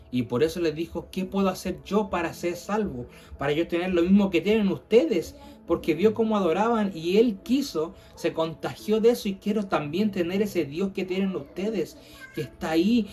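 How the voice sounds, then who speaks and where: High-voiced man preaching with soft music. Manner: earnest preaching, swells louder and slows on scripture quotes. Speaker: pastor. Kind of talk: sermon.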